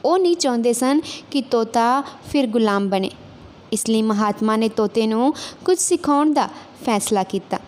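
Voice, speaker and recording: A woman with a high, light voice narrating a moral tale, steady and clear with some emphasis. Her telling has the measured rhythm of a devotional storyteller.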